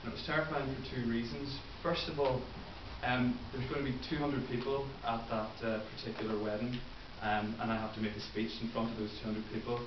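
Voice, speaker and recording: In a roomy meeting room, a Northern Irish man in his twenties gives his first speech as a club member, earnest and prepared but full of ums and uhs. His mid-range voice barely moves in pitch, and he talks briskly with few pauses. The recording sounds distant and muffled, with hiss.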